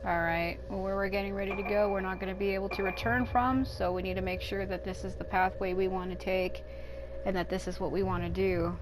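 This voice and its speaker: A woman in her thirties, speaking at home as a let's play gamer in casual, rambling gameplay commentary and thinking out loud. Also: mid-range voice, little pitch movement, brisk, noisy background. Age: 30s. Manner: rambling and candid, thinking aloud. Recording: game music playing under the voice.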